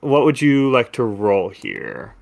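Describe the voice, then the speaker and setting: A man's voice: mid-range voice, takes it slowly, creaky. A man running a tabletop game as game master, narrating and explaining rolls in a loose, rambling way. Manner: relaxed, rambling, laughs easily.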